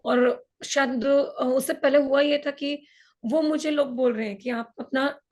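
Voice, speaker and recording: A woman from India speaks in a high voice while recounting her climb in an interview. She has a sore throat that leaves an edge on her voice. Her telling is earnest, with English words slipping into her speech. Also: fairly even intonation, unhurried. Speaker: mountaineer guest. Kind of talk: interview, personal storytelling.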